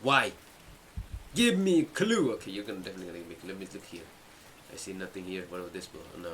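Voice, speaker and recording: Hosting a let's play, a gamer chats fast and animatedly in a low, fairly bright voice, thinking aloud, repeating himself, and reading game text out loud. Game music runs underneath, with slight background noise in a low-quality recording.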